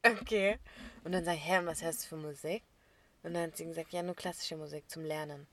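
A young woman in casual podcast chat, telling an embarrassing story. She talks in an animated way, laughs often and acts out the people she quotes. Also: deep voice, fast.

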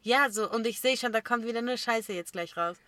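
Bright, high-voiced woman chatting casually. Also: fairly quick, dry recording. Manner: lively storyteller, bursts into loud laughter. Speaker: podcast co-host. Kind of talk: casual chat.

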